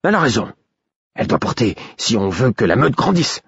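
A man's voice: medium pitch, big pitch swings, brisk, vocal fry, husky, dry recording, dull audio, voice pushed up, full character voice. A man voicing a sly, hungry male wolf who mocks and speaks in another's mind, in an audiobook. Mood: mocking. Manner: mocking, eager.

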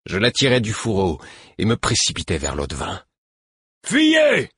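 A man with a low, husky voice reads a first-person adventure audiobook with measured, grave intensity. The recording is close and completely dry, as in a small booth. He keeps a steady storyteller's pull through every sentence. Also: no echo. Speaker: audiobook narrator. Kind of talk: dramatic audiobook reading.

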